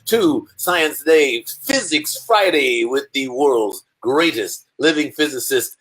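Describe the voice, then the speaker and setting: A man's voice: medium pitch, lively intonation, takes it slowly, a bit bright. Playful theatrical male science show host. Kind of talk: comedic science show hosting.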